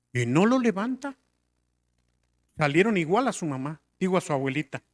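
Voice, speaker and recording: A middle-aged man with a high-pitched voice preaches to a congregation. He poses rhetorical questions and swings between loud, emphatic lines and quiet drops.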